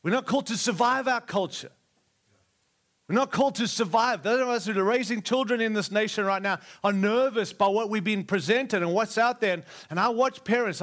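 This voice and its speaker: With a high voice, a bit bright, and a moderate pace, a middle-aged man guest-preaches to a live church. He's from Australia and leans on rousing repetition and humor to engage the congregation.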